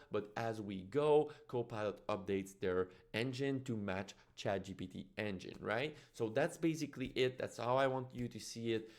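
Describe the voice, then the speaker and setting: A man with a French Canadian accent, a native French speaker, giving an explanatory tutorial as a trainer in an informal way, often checking in with "right?". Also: fairly low pitch. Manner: informal teaching with frequent "right?" check-ins. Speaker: software trainer and tutorial presenter.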